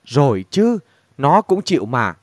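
A man's voice: mid-range voice, big pitch swings, a little slow, no echo, clean studio sound. A man voicing an anxious middle-aged mother in a storybook reading, speaking urgently. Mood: worried.

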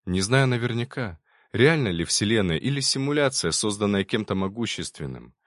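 A man reading the lines of a gentle, devoted young programmer in an audiobook. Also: lowish voice, animated, normal speed, no room sound, studio quality, close to an everyday voice. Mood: earnest.

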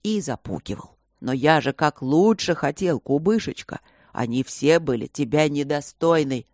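A woman's voice: low voice, measured pace, darkish tone, dry recording, studio quality. A woman voicing a burly, overprotective fantasy father who grumbles in a tipsy, doting way. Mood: grumbling.

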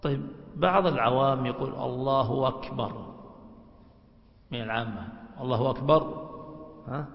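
A man's voice: mid-range voice, brisk. A man, a religious scholar, teaching a class and explaining points step by step, often checking with rhetorical questions. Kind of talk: classroom lecture. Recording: echoey hall, dull lo-fi sound.

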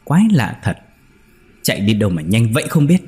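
A man voicing a tense rural husband who talks bluntly and gruffly. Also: fairly low pitch, very animated, a little fast, soft background music. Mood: uneasy. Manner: blunt, shouting when alarmed.

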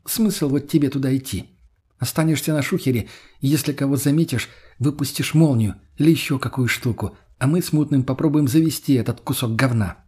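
A man voicing a rude, bossy young woman who swears and snaps at her friends, in a husky voice. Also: mid-range voice, a little fast, lightly acted. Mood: irritated, snapping. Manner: swearing, snapping, shouting.

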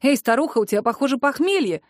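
A blunt, easygoing brother who teases in an offhand way, as a woman reader puts him on. His lines come casual and a touch lower than her narration, in a dry, close recording. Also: lively intonation, quick pace, no echo. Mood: teasing. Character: teasing younger-adult brother, blunt and easygoing.

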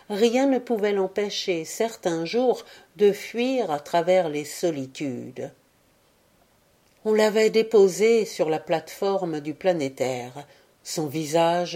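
Slow, mellow woman reading an audiobook. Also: on the low side. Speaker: audiobook reader. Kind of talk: scripted narration.

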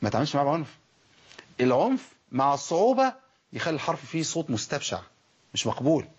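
A man with an Egyptian Arabic accent teaching Quran pronunciation in a lively lesson, stretching out example words slowly as he demonstrates them. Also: a little high, slightly rough, highs cut off.

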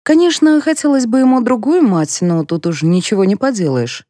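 A woman reading an audiobook, voicing a cold, domineering older matriarch who speaks slowly and deliberately. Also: on the high side, warm tone, dry recording, studio quality, pitched above the performer's own voice, close to an everyday voice. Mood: smug. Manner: slow, stony and deliberate.

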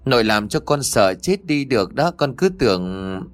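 A man's voice: mid-range voice, very animated, moderate pace, soft background music, close to an everyday voice. A man voicing an anxious, easily flustered young man in a ghost story, stammering and pleading. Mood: panicked.

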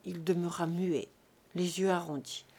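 A woman reading a classic novel aloud as an audiobook, with an expressive, measured delivery. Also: fairly low pitch, breathy edge. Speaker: audiobook reader. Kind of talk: scripted narration.

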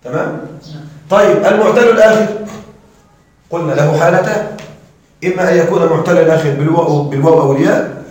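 A man teaching Arabic grammar to a class, often checking that students follow and repeating examples slowly. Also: on the high side, a little mellow. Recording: very echoey room, mic far off.

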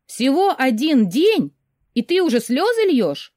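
A woman voicing a lively, caring young woman friend who talks briskly and takes charge, in an audiobook. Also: sits high, no echo, clean studio sound, pitched above the performer's own voice. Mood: skeptical. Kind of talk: audiobook dialogue reading.

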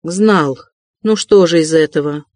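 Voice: mid-range voice, measured pace, dry recording, clean studio sound, natural voice. A reader voicing an agitated young male student in an audiobook, tense and insistent. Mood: curt. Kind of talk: audiobook character reading.

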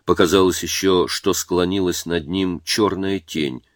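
A man reading a war story aloud as narrator, in a measured and dramatic way. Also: low-pitched, fairly even intonation, no echo, studio quality.

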